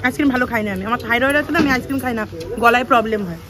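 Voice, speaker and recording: A woman's voice: a little high, rapid-fire. A woman in her thirties, a mother chatting casually to her viewers while vlogging on a phone, first out walking on a street and then at home. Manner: chatty, addresses viewers directly. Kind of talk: casual vlog narration to viewers. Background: background music.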